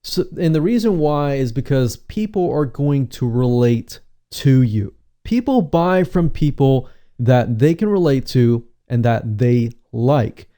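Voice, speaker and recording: A man coaching on webinars in a relaxed, conversational teaching tone, often repeating his points and asking rhetorical questions. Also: medium pitch, a little slow. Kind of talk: instructional talk.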